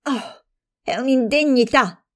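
A woman's voice: medium pitch, unhurried, pitched above the performer's own voice, lightly acted. Woman doing a proud, ironic woman. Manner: ironic, cutting, then calm and dismissive. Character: proud, self-assured woman gymnastics enthusiast.

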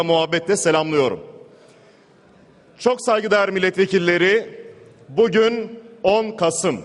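A man delivering a formal, emphatic parliamentary speech at a rostrum microphone in a large chamber. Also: high-pitched. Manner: emphatic, repetitive oratory. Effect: speaking at a rostrum microphone. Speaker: member of parliament. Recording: long hall reverb.

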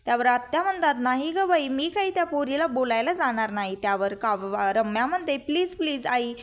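A young woman retells a television serial episode, stepping through each scene and quoting the characters one after another. Her voice sits high and bright. She keeps up a steady storytelling flow. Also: brisk. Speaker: narrator recapping a TV serial. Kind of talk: storytelling recap with quoted dialogue.

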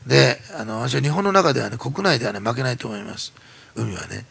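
A man preaching in a church as pastor, telling stories in an animated way and acting out the people he quotes. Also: medium pitch, quick pace, creaky, breathy edge. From Japan. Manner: animated storytelling, acts out quoted voices. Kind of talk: sermon.

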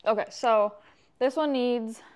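A woman streamer chatting casually with her viewers while building something, swearing freely and reacting out loud. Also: fairly high pitch, slow, clean tone. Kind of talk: casual livestream chat.

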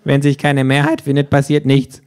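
A man's voice: mid-range voice, completely flat delivery, normal speed, a little mellow, clear, resonant tone, a faint crowd, pitched above the performer's own voice, natural voice. A man voicing a cheeky, sardonic talking kangaroo that lectures everyone in a smug, mocking tone, in an audiobook-style reading. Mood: smug lecturing. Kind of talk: audiobook-style rules narration.

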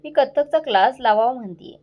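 A woman voicing a timid young married woman who speaks haltingly and softly. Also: sits high, lively intonation, lo-fi sound. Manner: halting, stammering, soft.

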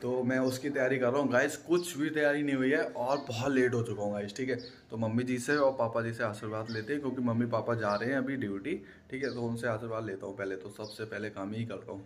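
A man's voice: medium pitch, fairly even intonation, quick pace, hardly any pauses. A young man talking casually to viewers in a selfie vlog, filmed on a phone at arm's length, chatty and often checking in with the audience. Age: young adult. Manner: chatty, keeps asking "theek hai?" to viewers. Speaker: vlogger. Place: indoors at home and outdoors at a college camp. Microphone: phone held at arm's length.

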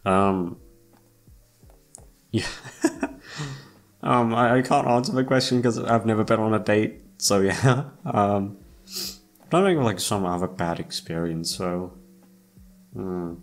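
Speaking slowly with frequent pauses, this young channel host and voice actor chats with his audience in a fairly low voice while music plays in the background. He hesitates, doubles back, trails off, puts himself down and swears plenty.

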